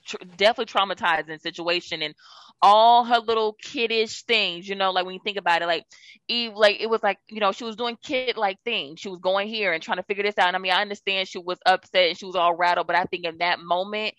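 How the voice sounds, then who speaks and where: A woman's voice: medium pitch, fast, fairly bright tone, no room sound, lo-fi sound. Woman co-host, dry close sound, loose rambling delivery full of fillers. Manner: loose, rambling, lots of fillers like "you know". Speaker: podcast co-host. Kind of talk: casual film discussion.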